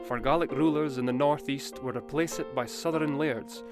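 A man's voice: mid-range voice, fairly even intonation, moderate pace. A man with a broad North East Scottish accent, narrating a scripted documentary in Scots dialect. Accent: broad North East Scottish (Doric). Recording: prominent plucked guitar music behind. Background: plucked guitar music.

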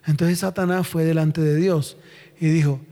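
A man's voice: on the high side, steady tone, normal speed, warm tone. A man with a Colombian accent preaching a sermon. He tells stories theatrically and with humor, and he keeps quizzing the congregation with repeated questions. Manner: theatrical and jokey storytelling. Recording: long reverb of a large hall.

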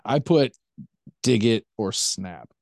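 A man's voice: lowish voice, animated, slow, creaky, a little mellow, no room sound, clean studio sound. A man talking casually as a podcast guest, hedging and hesitant about his opinions. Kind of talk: casual chat.

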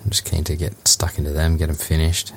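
An Australian man with an extremely deep voice chats as a podcast co-host. He talks in an easygoing, plain-spoken way over a remote call. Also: monotone, a little fast, gravelly, slight background noise. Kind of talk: casual chat.

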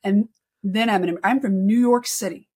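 A woman from Texas, a podcast guest, talking in a chatty storytelling way with quick asides. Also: mid-range voice, a little mellow, slightly rough. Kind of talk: casual conversation.

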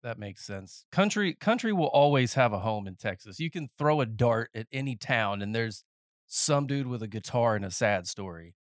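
A man's voice: medium pitch, animated, moderate pace, dry recording. A man in his thirties chats through a podcast interview with a congested, faintly nasal voice. He wanders off on tangents and cracks jokes as he goes. The sound is dry and close, with no room around it. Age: 30s. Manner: rambling, self-interrupting, joking. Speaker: podcast host. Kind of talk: casual interview chat. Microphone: headphones and podcast mic.

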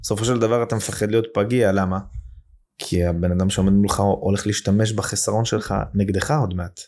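A man's voice: lowish voice, fairly even intonation, a little mellow. A man talking as a podcast guest, earnest and emphatic, thinking aloud with many fillers in a casual conversation.

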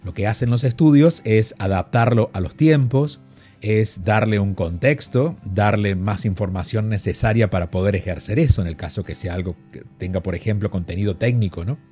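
A man with a lowish, mellow voice hosts a call-in advice show. He speaks calmly and reflectively, in a gently reassuring tone. Soft guitar plays faintly underneath. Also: normal speed, husky. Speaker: radio show host.

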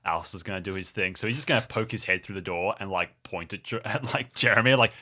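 A man's voice: fairly low pitch, fast talker, bright, forceful tone. A man casually narrating his character's actions as a player in a tabletop game.

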